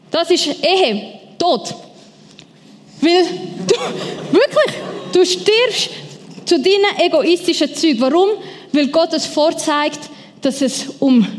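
A woman with a Swiss German accent preaching a sermon in a lively, playful way, acting out inner voices. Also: high voice. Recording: long hall reverb.

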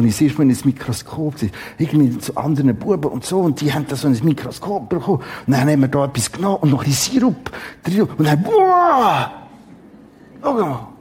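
A middle-aged man preaching a Bible teaching, dramatic and emphatic with exclamations and long pauses. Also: on the high side, darkish tone, husky.

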